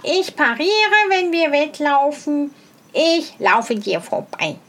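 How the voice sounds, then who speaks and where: A woman voicing a crafty, stubborn male hedgehog who talks in a brisk, self-assured way in a storybook reading. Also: sits high, big pitch swings, a bit bright, full character voice. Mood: sly.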